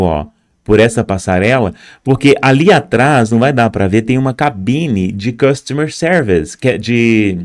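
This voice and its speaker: A man's voice: medium pitch, darkish tone. A young man tells his own story as an immigrant, speaking straight to viewers and pointing at footage on screen. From Brazil. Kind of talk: personal storytelling.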